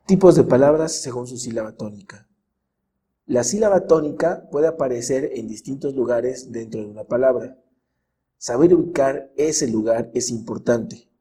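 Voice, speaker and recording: Measured man narrating a grammar lesson. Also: mid-range voice, warm tone, slight background noise. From Mexico. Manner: measured, stretches example words slowly. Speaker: teacher. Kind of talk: scripted educational narration.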